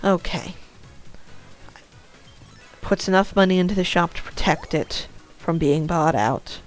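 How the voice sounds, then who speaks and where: Over a board game, a streamer gives casual commentary, talking to themselves and muttering asides about the game. The voice is medium-pitched and unhurried, with faint music in the background.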